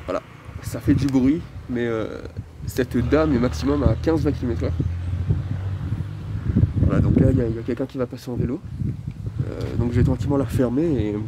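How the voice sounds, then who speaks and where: A man speaking through a face mask in a casual, rambling vlog, with a halting, wry, grumbling delivery. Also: medium pitch. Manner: halting, hesitant, wry grumbling with mild swearing. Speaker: video creator talking to followers. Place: outdoors by a roadside bus stop. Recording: loud outdoor street and vehicle noise.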